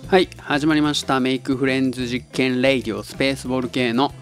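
A man's voice: mid-range voice, fairly even intonation, quick pace, soft background music. A man from Tottori hosting a casual solo podcast, musing in an easygoing way and chuckling often. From Tottori, Japan. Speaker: podcast host.

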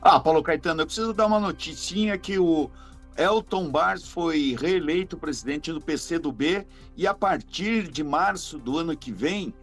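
A Brazilian radio commentator with a somewhat high voice delivers a brief update in an upbeat tone. Faint music runs behind him in the studio. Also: male voice, normal speed, a bit bright.

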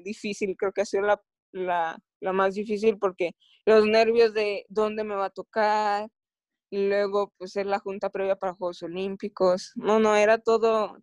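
A woman's voice: mid-range voice, a little mellow, no room sound. A woman with a Mexican accent, an athlete recounting her experiences in a casual interview, often stopping and restarting her phrases. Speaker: Olympic athlete guest.

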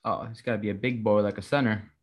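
A man's voice: lowish voice, fairly even intonation, fast. Young male co-host, casual, joking, hesitant guesser. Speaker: co-host answering quiz. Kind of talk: casual chat.

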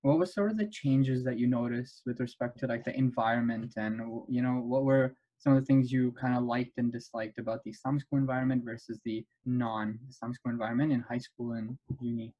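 A man hosting a casual podcast chat over a video call, telling stories with quick asides. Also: medium pitch, warm tone, muffled recording. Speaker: podcast host.

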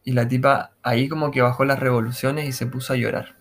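A man telling his own paranormal experience in a relaxed, halting, casual way, full of restarts and slang. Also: mid-range voice. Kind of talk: casual first-person storytelling.

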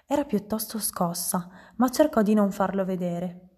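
A woman narrating a children's book in a calm, even storytelling manner. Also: medium pitch, moderate pace. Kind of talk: audiobook reading.

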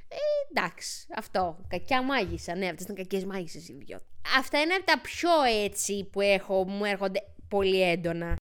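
A woman in her thirties hosting a podcast, telling funny, self-mocking stories in a chatty way and acting out the people she quotes. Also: medium pitch. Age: 30s. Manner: chatty, self-mocking, animated quoting of others. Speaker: podcast host. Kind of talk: comic storytelling podcast.

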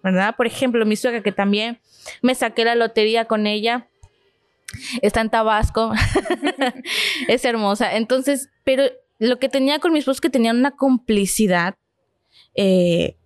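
A woman's voice: fairly high pitch, moderate pace, smooth, no room sound, clean studio sound. A Mexican woman, a psychologist and family therapist, talks in a podcast conversation and explains with personal anecdotes, acting out quoted feelings.

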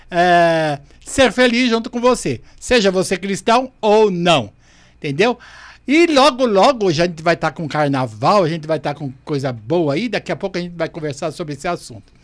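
Lively high-voiced jovial host man. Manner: jovial, asks questions. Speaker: podcast host. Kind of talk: casual podcast chat.

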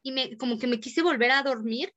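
A woman's voice: high-pitched, brisk, lo-fi sound. A young woman with a Mexican accent, chatting casually and telling a story, acting out what people said. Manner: lively storyteller acting out quoted speech.

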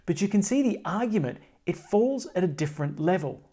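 A man's voice: sits high, lively intonation, fairly quick, mellow. A man speaking as a priest at Mass, in a solemn, declamatory style of scripture reading and preaching. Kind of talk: liturgical scripture reading and homily.

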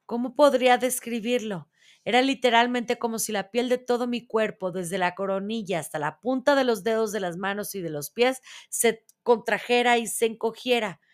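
A woman storyteller giving a dramatic, expressive first-person reading of a book chapter. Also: on the high side, normal speed.

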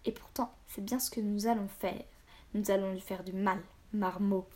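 A woman's voice: mid-range voice, steady tone, moderate pace, mellow, lightly acted. Woman doing a cruel male captain, sardonic, threatening, storybook reading. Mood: menacing. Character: arrogant red-haired male captain, cruel.

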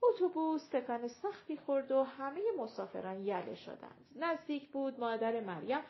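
A woman narrating a short story in a calm, even reading voice. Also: sits high, muffled recording. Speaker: audiobook narrator.

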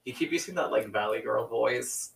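A young man co-hosting a podcast in casual chat, teasing dryly and talking haltingly with many fillers. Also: mid-range voice, creaky. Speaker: podcast co-host. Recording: roomy, mic at a distance.

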